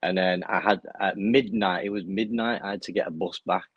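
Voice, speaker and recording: A man's voice: sits low, fairly even intonation, a little fast, breathy edge, no echo, highs cut off. A young man with a strong Bradford accent chatting casually in laddish, sweary slang as an interview guest. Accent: strong Bradford, West Yorkshire English. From Bradford, northern England. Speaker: interview guest, music performer. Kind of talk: casual chat, telling stories.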